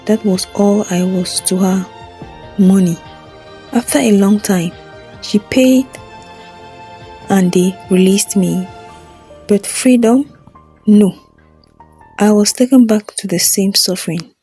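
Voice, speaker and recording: A woman narrating a scripted first-person story in a solemn, measured way. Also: medium pitch, dark tone, faint music behind.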